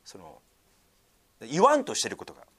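Male pastor, mid-pitched, very lively intonation, conversational sermon with fillers. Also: normal speed, slightly rough. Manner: lively swings in pitch and loudness, many fillers, asks congregation.

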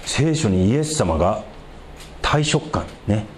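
A man preaching a sermon in an animated way, with chuckles along the way. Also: takes it slowly, slight background noise. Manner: animated preaching with big pitch swings and light laughter. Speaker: pastor.

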